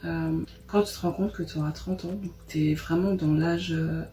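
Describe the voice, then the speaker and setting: A woman's voice: low-pitched, steady tone, normal speed, dark tone. A woman around thirty speaking hesitantly to camera, with many fillers and open frustration. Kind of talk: personal confession to camera. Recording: roomy echo with faint music.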